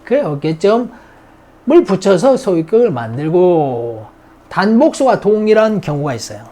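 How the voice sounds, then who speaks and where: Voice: mid-range voice, very animated, normal speed, dark tone. An English grammar teacher, drilling vocabulary in a recorded lesson and chatting to the students between words.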